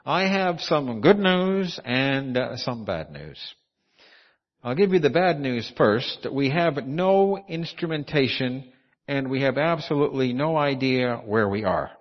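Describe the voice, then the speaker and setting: A male pastor acting out an airline pilot making a loud, measured cabin announcement from the flight deck. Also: medium pitch, expressive. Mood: announcing. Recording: dull lo-fi recording.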